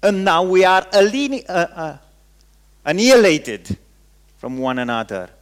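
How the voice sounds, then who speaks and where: This Romanian pastor delivers his sermon in emphatic, halting bursts, repeating words for weight. His smooth voice sits high and swings widely in pitch.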